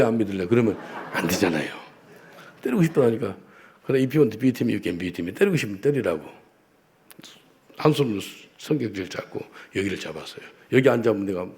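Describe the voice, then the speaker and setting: A middle-aged Korean man preaching with a gravelly, fry-edged voice that sits fairly low. He tells stories emphatically and drops in Korean-accented English lines. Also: a little mellow. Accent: Korean, with Korean-accented English phrases. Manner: emphatic preaching, leads the congregation in repeated prayers; storytelling, acts out a street encounter with quoted English. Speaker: pastor. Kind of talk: sermon.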